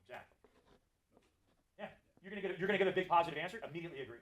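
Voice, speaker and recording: A man's voice: a little high, rapid-fire, slight background noise, low-quality recording. A man giving a live sales and service training talk to a group of technicians, joking and putting questions to people in the room. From Florida. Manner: animated, jokey, asks the audience questions.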